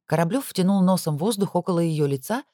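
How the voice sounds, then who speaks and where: An audiobook narrator reading a story with expressive, lively storytelling. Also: medium pitch, fast, dry recording, studio quality.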